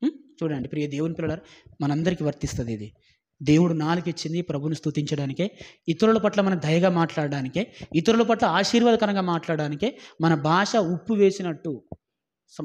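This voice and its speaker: A man with a high voice delivers an emphatic sermon. He scolds his listeners and keeps firing rhetorical questions at them. He swings from loud exhortation down to low, quiet warnings. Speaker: preacher.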